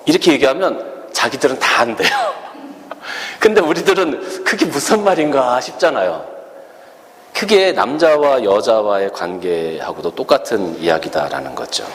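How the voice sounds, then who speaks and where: A middle-aged man preaching a sermon as a pastor, lively and humorous, acting out the lines he quotes. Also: mid-range voice, a little slow, big-room sound, a little hiss or hum.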